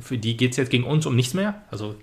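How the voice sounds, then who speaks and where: A man's voice: mid-range voice, expressive, quick pace, darkish tone, slight background noise. A man co-hosting a casual football podcast, talking hesitantly with many fillers and restarts. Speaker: podcast co-host.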